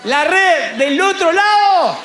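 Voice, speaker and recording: A man acting out the risen Lord, hollering across the water in a high, stretched-out Argentine voice. He draws every word out as if he is calling to a distant boat. The sound carries through an echoey hall with a faint crowd behind it. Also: lively intonation, takes it slowly, heavily acted. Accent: Argentine Spanish. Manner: shouting across the water, drawn out.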